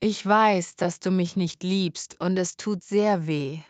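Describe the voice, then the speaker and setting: A woman's voice: fairly low pitch, takes it slowly, no room sound. Woman playing a heartbroken, tearful young woman. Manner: tearful and sad. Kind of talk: dramatized story for language learners.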